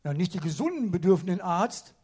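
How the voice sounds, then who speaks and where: A man voicing a calm, kindly Jesus, quoted within a casual sermon. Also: sits high, fairly quick, husky, full character voice. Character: calm, kindly male Jesus in a retold story.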